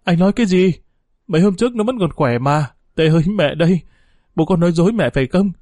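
A distraught village mother , played by a man, speaks in a raised, strained pitch. She pleads, and the dry, close recording keeps every word near. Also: animated, a little fast, a little mellow, no room sound. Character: frantic grieving village mother.

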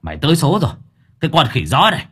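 A man's voice: lowish voice, slow pace. A man voicing a brash, drunken, potbellied motorbike-taxi driver who blusters and curses. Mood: gloating. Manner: loud, blustering, cursing.

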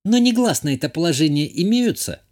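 A man voicing a proud, irritable young noblewoman, a countess, in an audiobook. He gives her a sharp, reproachful way of talking. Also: fairly high pitch, sing-song, brisk, pitched above the performer's own voice. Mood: indignant.

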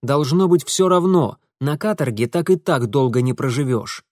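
A man playing a curt, barking young gentleman. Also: mid-range voice, lively intonation, normal speed, no echo, clean studio sound, close to an everyday voice. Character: young gentleman, gruff and blunt.

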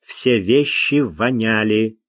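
A man reading an audiobook in a measured, even narration. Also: on the low side, no room sound.

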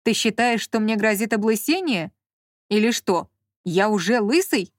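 A woman reading an audiobook, voicing an easygoing, puzzled grown man in a mild, unhurried way. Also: medium pitch, lively intonation, no echo, clean studio sound, lightly acted. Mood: indignant.

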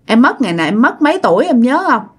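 Cautious father asking careful questions, lively pitch, woman voicing him. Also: fast, breathy edge. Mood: probing.

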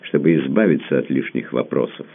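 A man's voice: a bass voice, fairly quick, gravelly, full character voice. A man voicing a haughty, cold baroness with a curt, commanding manner. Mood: calm. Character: haughty cold Georgian-born woman, a baroness. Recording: lo-fi phone-like audio.

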